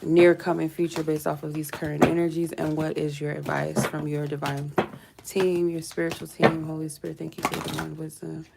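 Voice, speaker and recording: A woman with a stuffy cold hosts a live tarot reading, rambling with plenty of fillers and sinking into quiet, murmured prayers between cards. Her voice is deep, gravelly and monotone at a normal pace, and the recording is very noisy.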